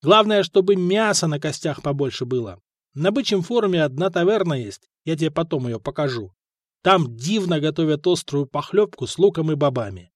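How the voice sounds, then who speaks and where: A man's voice: fairly high pitch, animated, moderate pace, dry recording, studio quality. A man voicing a shrewd, street-smart male trader who talks in a knowing, matter-of-fact way. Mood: savoring.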